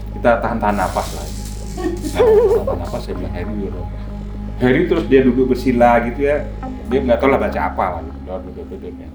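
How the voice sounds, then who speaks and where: A man's voice: mid-range voice, huge pitch swings, fast talker. Man, guest healer, casual storytelling, acts out quoted dialogue, echoey room, faint music behind.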